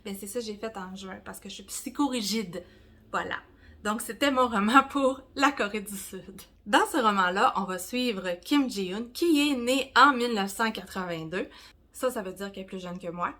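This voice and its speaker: A woman in her forties with a Québécois accent, giving a casual, rambling review of her month's reading, with self-mocking asides and some soft whispered comments. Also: mid-range voice, normal speed. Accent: Québécois French. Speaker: book vlogger.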